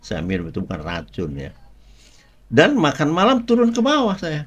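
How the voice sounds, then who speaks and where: A man's voice: fairly high pitch, wildly swooping pitch, normal speed, breathy edge. A man giving a personal faith testimony in a conversational storytelling way, with frequent asides to his listeners and light jokes.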